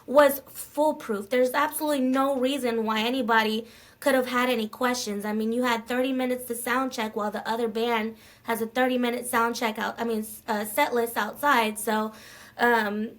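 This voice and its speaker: A woman's voice: on the high side, steady tone, normal speed, fairly bright tone. Blunt, salty-mouthed woman promoter. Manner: blunt, swearing, tells stories with quoted dialogue. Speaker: festival promoter guest. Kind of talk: casual interview chat.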